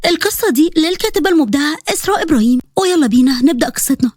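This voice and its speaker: Egyptian woman narrating a story, high voice, very fast, dry close sound. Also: dry recording. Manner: brisk, expressive reading.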